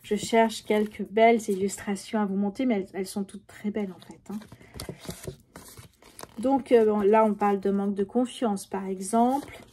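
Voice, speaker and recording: A woman's voice: mid-range voice, steady tone, moderate pace, dark tone, a little hiss or hum. A middle-aged woman, chatting casually to viewers during a tarot reading, full of fillers and asides. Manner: chatty, addresses viewers directly, many fillers. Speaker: tarot reader.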